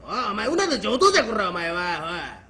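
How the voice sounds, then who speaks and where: A man with a Kansai Japanese accent in a heated argument, speaking in a rough, menacing, confrontational yakuza-like drawl. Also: high-pitched, wildly swooping pitch, a little fast, crowd noise.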